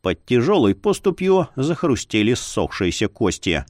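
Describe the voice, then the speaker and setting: A male narrator reading a fantasy story aloud with a lively, swinging delivery. He shifts his voice for each character. The sound is dry and close, with a mid-range pitch. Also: a little slow, dry recording. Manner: expressive, changes voice for each character. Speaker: audiobook narrator.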